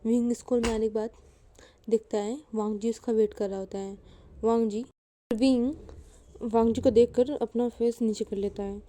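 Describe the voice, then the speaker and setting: Woman, casual storyteller, chatty, talks to viewers, fairly high voice, very mellow tone. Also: steady tone, normal speed, slight background noise.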